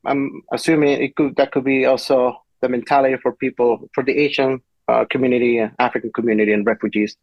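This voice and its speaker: A man, giving a webinar presentation as a city planner in a halting way with many restarts. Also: on the high side, no room sound. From Peru. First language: Spanish. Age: 40s. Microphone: video call. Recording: dull lo-fi webinar audio.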